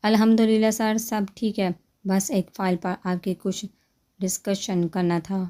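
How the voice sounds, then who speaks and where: A woman's voice: mid-range voice, little pitch movement, warm tone, lightly acted. Woman reading as a polite, charming young man. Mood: respectful. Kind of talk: storybook reading.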